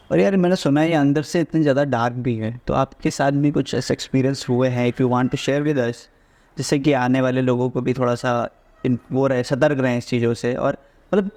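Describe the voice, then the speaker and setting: A man hosting a podcast, asking friendly questions in a relaxed way and mixing English into his talk. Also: medium pitch. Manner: friendly questioner, says yaar often, mixes English in. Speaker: podcast host. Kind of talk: casual interview questions.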